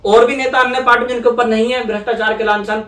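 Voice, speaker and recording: A man's voice: very high-pitched, little pitch movement, fast talker, fairly bright tone, far from the mic. Earnest young man in an echoey room. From India. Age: young adult. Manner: earnest, explanatory, repeats phrases for emphasis. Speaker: politician guest. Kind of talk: conversational interview. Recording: echoey room, voice away from mic.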